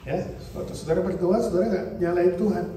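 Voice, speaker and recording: A middle-aged male pastor preaching a sermon, swinging between loud emphatic lines and quiet low ones and answering his own questions. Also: steady tone, fairly quick, slight background noise. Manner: asks the congregation questions and answers them himself. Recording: very echoey hall, heard from a distance.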